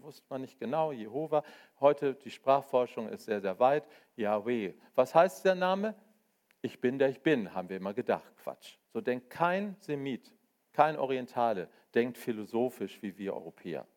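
An older man preaching a charismatic sermon, swinging between loud joyful exclamations and soft, intimate asides, with a folksy way of talking straight to his listeners. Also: medium pitch. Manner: folksy, addresses listeners with "ne?" and "du auch?".

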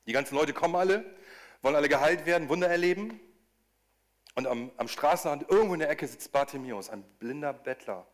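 Man, sermon, lively preaching, quick restarts, pitch leaping up for quoted cries. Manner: animated, rising to emphatic high lines for quoted cries, with restarts.

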